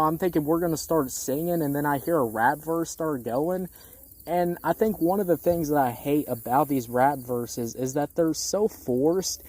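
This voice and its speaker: In a mellow, mid-range voice, this music critic gives a loose, opinionated album review. The delivery is blunt, with casual cursing and phrases repeated for emphasis.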